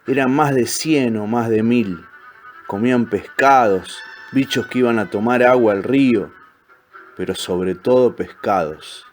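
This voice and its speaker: A man narrates a storybook with a calm, measured telling at a mid-range pitch. Soft, faint music runs quietly behind his voice. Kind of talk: storybook reading.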